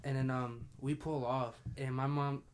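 A man's voice: mid-range voice, little pitch movement, a little slow, clear, resonant tone. Young man, podcast host, casual storytelling, swears a lot, laughs through punchlines.

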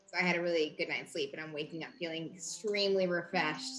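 A woman's voice: deep voice, fast, over music, low-quality recording. A woman playing in a tabletop game, talking casually with many fillers. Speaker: player. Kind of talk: casual in-character chat.

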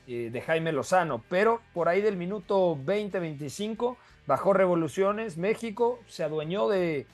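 Male sports show host, slightly high voice, conversational analysis over faint music. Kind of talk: conversational football discussion.

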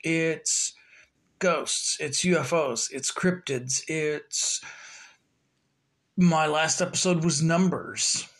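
A man's voice: on the high side, fairly even intonation, extremely slow, pauses often, fairly bright tone. A man hosting his own podcast, chatting in a loose, rambling way with plenty of fillers. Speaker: podcast host. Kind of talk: casual solo podcast talk.

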